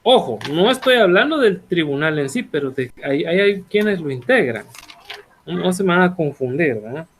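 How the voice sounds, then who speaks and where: Chatty male law lecturer, slightly high voice. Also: big pitch swings, moderate pace, fairly bright tone, slight background noise. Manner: conversational, asks rhetorical questions, corrects himself. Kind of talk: online law class lecture.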